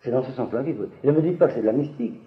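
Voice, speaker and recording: A man teaching a class on biblical texts, hesitating and restarting, often asking the listeners whether it is clear. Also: mid-range voice, very fast, lo-fi sound.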